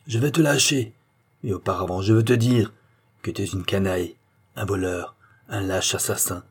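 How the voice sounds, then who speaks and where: A man's voice: deep voice, husky. A man voicing a grieving, furious peasant man who bitterly accuses the man he holds responsible for his mother's death.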